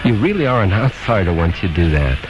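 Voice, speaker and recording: In a radio studio with music playing behind him, a man hosts a call-in show, questioning and advising callers bluntly, probing and opinionated. His low voice is sing-song and a little fast, heard through a noisy, dull lo-fi AM radio aircheck.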